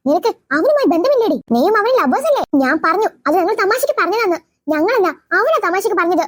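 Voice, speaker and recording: Cartoon voice artist, woman, very high, quick bickering delivery. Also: dry recording, clean studio sound. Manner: quick, argumentative schoolgirl banter. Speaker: voice artist for all characters. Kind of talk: cartoon voice acting.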